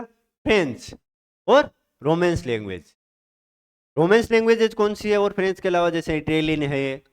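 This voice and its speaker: A man teaching a lecture on poetic meter, asking his own questions and answering them, with English terms mixed in. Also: high voice. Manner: mixes English terms into Hindi.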